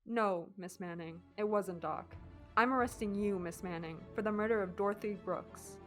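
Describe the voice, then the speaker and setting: Measured police inspector, played by a woman, faint music. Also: mid-range voice, fairly bright tone, close to an everyday voice. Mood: smug, accusing. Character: methodical, knowing police inspector questioning suspects. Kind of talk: amateur radio drama acting.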